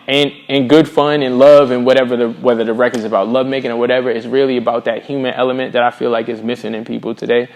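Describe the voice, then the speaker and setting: A middle-aged singer-songwriter from Boston, USA, speaks in an American accent during a casual interview. He comes across as earnest and reflective, using plenty of slang, with a mid-range voice.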